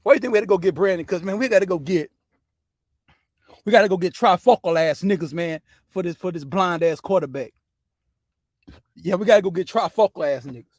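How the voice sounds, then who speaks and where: Male sports show host, high-ish voice, dry close sound, profane ranting delivery. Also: a little fast, pauses often, a little mellow, dry recording. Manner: loose, profane, says "man" constantly. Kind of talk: casual sports rant.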